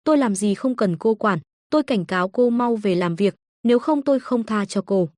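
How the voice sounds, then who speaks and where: A woman's voice: medium pitch, expressive, normal speed, a little mellow, dry recording, clean studio sound, natural voice. A woman voicing a spiteful, scheming older mother-in-law who scolds and curses shrilly in a storybook reading. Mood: scolding.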